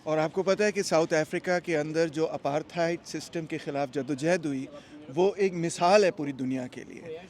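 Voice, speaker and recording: High-voiced man vlogging on the go. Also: normal speed. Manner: lively, explains to the camera. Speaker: vlogger and political commentator. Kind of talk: casual travel vlog narration.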